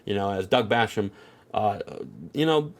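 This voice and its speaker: Unhurried and lowish in pitch, a stuffy-nosed man drifts through casual wrestling-game commentary. It's rambling and filler-laden, leaning hard on "you know" and "at the end of the day."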